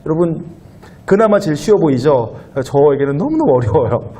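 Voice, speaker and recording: A man pastor giving a conversational sermon to a young adult congregation in a church, at times growing louder and higher as he presses a point. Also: moderate pace, slightly rough. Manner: conversational preaching, rising loud and high when animated. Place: church sanctuary.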